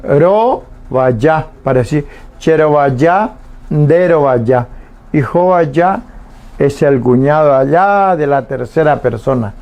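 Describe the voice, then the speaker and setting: A man teaching a language lesson on the radio, saying each word slowly and repeating it patiently so listeners can copy. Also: fairly high pitch, expressive, a little mellow. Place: radio studio.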